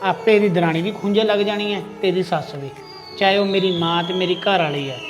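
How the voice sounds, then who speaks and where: A man's voice: high voice, steady tone, quick pace, music in the background, lightly acted. A man playing a loyal, protective younger brother-in-law in a family drama, earnest and lecturing. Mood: earnest, advising. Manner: earnest, lecturing, threatening when angered.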